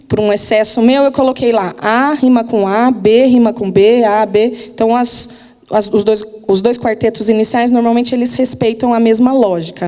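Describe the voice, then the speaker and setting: A woman's voice: fairly high pitch, mellow, big-room sound. A literature teacher, giving a casual, chatty lesson and often asking her students if they are following. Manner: chatty, informal, asks listeners for agreement.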